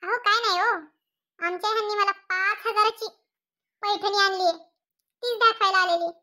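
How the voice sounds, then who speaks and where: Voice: extremely high pitch, steady tone, moderate pace, pushed and bright, full character voice. A performer voicing a boastful, bossy middle-aged village wife in a cartoon comedy. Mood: sweet-talking. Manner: bossy, showing off. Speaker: Kamalbai, housewife.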